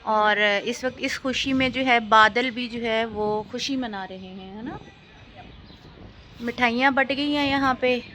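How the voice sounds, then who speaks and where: High, bright Pakistani woman vlogger. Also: unhurried. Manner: mocking, sarcastic, teasing banter. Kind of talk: casual chatty vlog.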